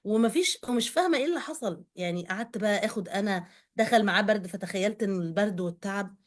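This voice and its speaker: A middle-aged woman with an Egyptian Arabic accent, sharing a personal story in an animated, conversational way that speaks straight to the listener. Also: medium pitch, very fast.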